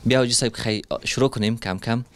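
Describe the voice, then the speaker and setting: A man, hosting a street interview with working children and asking them questions in a gentle, coaxing, soothing way full of endearments. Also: mid-range voice, fairly even intonation. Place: street outdoors.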